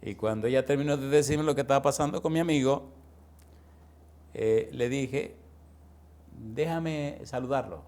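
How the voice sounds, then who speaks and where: A man's voice: mid-range voice, normal speed, long pauses, a little mellow. A man preaching a sermon, firing rhetorical questions at the congregation and calling listeners pet names. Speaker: pastor.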